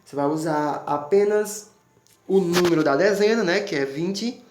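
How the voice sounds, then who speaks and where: A man's voice: high voice, normal speed, darkish tone, a little hiss or hum. A man teaching English numbers to students, patiently spelling words out letter by letter and checking in with short tags. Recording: echoey room.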